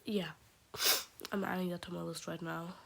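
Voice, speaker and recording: A woman who is sick and keeps her voice quiet, rambling and gushing about favorite characters in a casual vlog, often dropping into a half-whisper. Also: fairly low pitch, little pitch movement, normal speed, creaky. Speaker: vlogger. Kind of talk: casual fandom chat.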